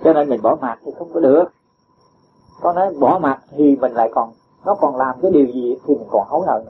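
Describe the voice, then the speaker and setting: A Buddhist teacher, a man speaking at medium pitch and a fairly quick pace, patiently answers a disciple in a dharma talk. He draws on homely examples and chuckles frequently. The recording is lo-fi and dull, with faint hiss.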